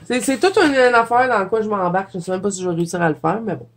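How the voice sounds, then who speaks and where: Talking fast at medium pitch, a watercolor coloring vlogger with a Quebec French accent chats casually as she paints, despite being congested from a cold. She laughs often and is self-deprecating throughout.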